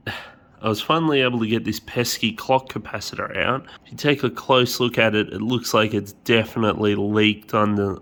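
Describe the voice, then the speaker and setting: A hobbyist repair vlogger casually talks through a hands-on repair tutorial, using lots of ums and the occasional swear word. His fairly low, fairly bright voice sounds stuffy and nasal from a cold.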